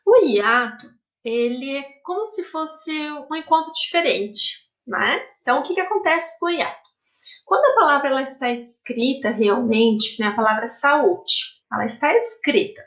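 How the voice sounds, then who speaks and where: A woman's voice: sits high, fairly bright tone. A woman teaching a recorded fifth-grade lesson, explaining patiently step by step and checking in with her pupils often. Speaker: primary school teacher. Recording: echoey room.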